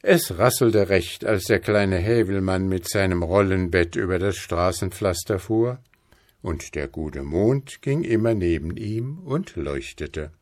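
A man reading a fairy tale aloud slowly and expressively. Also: no echo, studio quality. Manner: slow, expressive, lively pitch. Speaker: storyteller.

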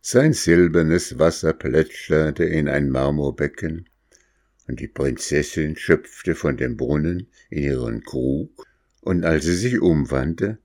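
A male storyteller reading a fairy tale aloud in a measured, calm way. His voice is deep and low. He takes his time over every sentence.

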